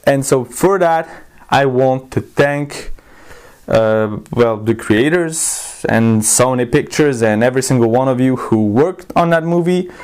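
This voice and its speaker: Medium in pitch, smooth and unhurried with a darkish tone, this man hosts a YouTube channel and reviews a film casually for his audience. His talk is informal and rambling, and he keeps cutting himself off mid-thought.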